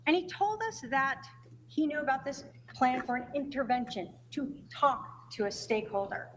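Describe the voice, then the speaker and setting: A woman prosecutor delivering an emphatic, deliberate closing argument in a courtroom, with pointed rhetorical phrasing. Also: sits high, expressive. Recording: noisy courtroom recording.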